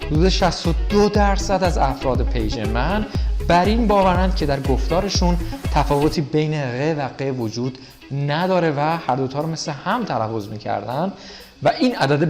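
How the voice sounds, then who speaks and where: A man teaching a French pronunciation lesson, whose first language is Persian, explaining clearly and repeating each sound slowly many times. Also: on the high side, darkish tone. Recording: echoey room with faint music.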